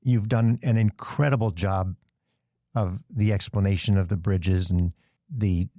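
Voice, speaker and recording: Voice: low-pitched, fairly even intonation, unhurried, warm tone, no echo, studio quality. A podcast host asking questions in an earnest, grateful manner, laughing along with the guest. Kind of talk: conversational interview.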